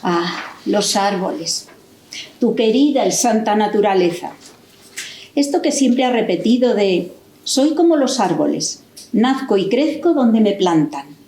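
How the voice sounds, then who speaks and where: An actress playing a novelist's affectionate wife, reminiscing in a playful, teasing way. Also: female voice, medium pitch, expressive, a little slow, mellow, a little hiss or hum. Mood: teasing, fond. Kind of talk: staged reading in a stage tribute. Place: university auditorium. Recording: roomy hall echo.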